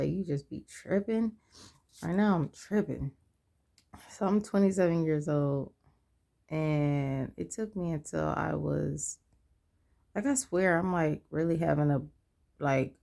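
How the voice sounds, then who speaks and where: A tired woman in her twenties rambles candidly in a personal vlog, losing her train of thought. Her voice sits low and mellow, with vocal fry.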